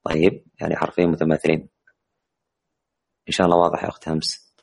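A man teaching the rules of Quran recitation in an online class, explaining with many hesitant, drawn-out fillers. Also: very deep voice, completely flat delivery, gravelly.

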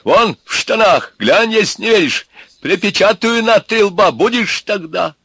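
Man playing a scared young folk-tale hero yelling up high, husky edge, storybook. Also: animated, unhurried, no echo, heavily acted. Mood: blustering. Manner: shouting, shrill, desperate. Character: frightened young peasant hero, blustering.

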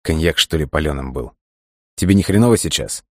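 A man voicing a hot-tempered young gangster who swears and yells at his friend. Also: rumbling low, expressive, brisk, no echo, studio quality. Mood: grumbling.

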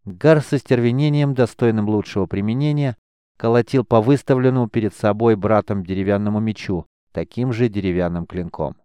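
Smooth-voiced male audiobook narrator. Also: on the low side, warm tone, no room sound, clean studio sound. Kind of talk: scripted narration.

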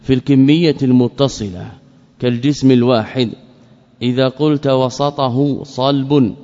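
A man teaching an Islamic creed text as a lesson, measured, often repeating key phrases and asking questions he then answers himself. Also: medium pitch, mellow. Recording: dull lo-fi recording with long reverb.

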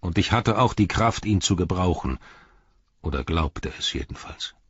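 A weary, stern noble male ranger king, read by a man who speaks in a grave, measured way. The voice is deep and husky. It has a dry, dull audiobook sound. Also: expressive, no echo, full character voice.

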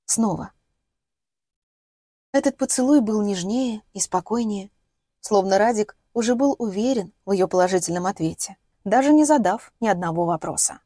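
A woman narrates a novel in a steady, measured storytelling voice. Her tone is mellow and warm, and the recording is close and dry with no room sound. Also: mid-range voice, dry recording. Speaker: audiobook narrator. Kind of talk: scripted narration.

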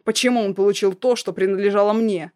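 A woman's voice: mid-range voice, steady tone, fast, lightly acted. Woman reading as a menacing blackmailing young man. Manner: loud, threatening, mocking. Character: menacing young male ex-fiancé, blackmailing and cruel.

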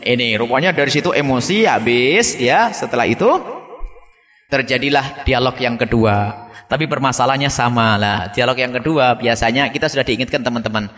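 A man preaching a sermon to a gathering, animated, climbing to high emphatic peaks and then dropping into quiet asides. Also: brisk. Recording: long hall reverb.

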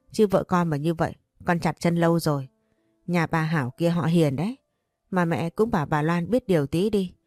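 A woman reads a cheeky young son in a storybook, brash and offhand. The voice is lowish and quick, recorded close and dry with faint music. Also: darkish tone, dry recording, natural voice. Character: cocky lazy young man, careless son.

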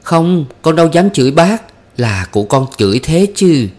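A man's voice: medium pitch, unhurried, a little mellow, voice pushed up, close to an everyday voice. A man voicing a sly, cheeky young servant girl in a storybook reading, tattling in a slightly raised voice.

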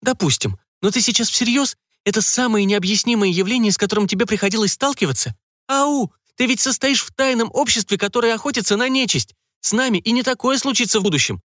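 A male narrator voicing a quick-tongued, teasing young woman in an audiobook, high and insistent. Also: fairly bright tone, dry recording, studio quality. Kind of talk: audiobook reading.

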